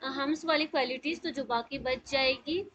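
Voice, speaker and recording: A woman's voice: high-pitched, fairly bright tone, dull audio. A woman teaching a tajweed class over a video call, encouraging her students and mixing in English words.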